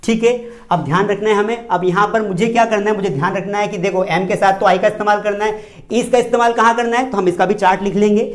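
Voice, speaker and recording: A man's voice: high-pitched, fairly even intonation, fast talker. A man teaching spoken English in Hindi as a classroom video lesson. He asks and answers his own questions and repeats the key words.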